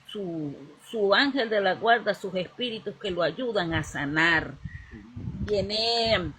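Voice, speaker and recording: In a casual conversation about spirituality, a woman rambles, searching for words and restarting her sentences. Her medium-pitched voice is slow and a bit bright, captured on a low-quality recording.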